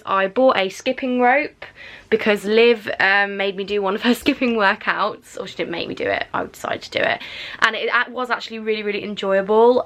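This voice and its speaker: Chatty twenty-something woman vlogging at home, rambly, lots of "like", mid pitch. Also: a bit bright. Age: 20s. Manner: chatty, rambling, lots of "like" and "do you know what I mean". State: out of breath after exercise. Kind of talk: casual vlog chat. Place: at home and outdoors in a garden.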